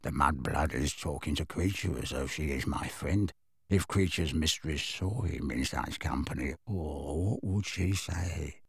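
A man voicing a very old, bitter house elf servant in an audiobook, muttering spitefully in a hoarse, deep croak. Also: no room sound, studio quality, full character voice. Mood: resentful lament. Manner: muttering under his breath, slow and doggedly resentful. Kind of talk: audiobook character voice.

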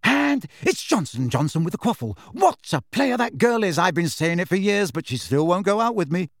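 A man doing an excitable young commentator. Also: high-pitched, no room sound, clean studio sound, pitched above the performer's own voice. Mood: excited. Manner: fast, cheeky play-by-play.

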